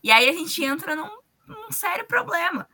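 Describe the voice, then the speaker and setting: High, bright-voiced Brazilian woman. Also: big pitch swings, normal speed. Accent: Brazilian Portuguese. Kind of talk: conversational religious discussion.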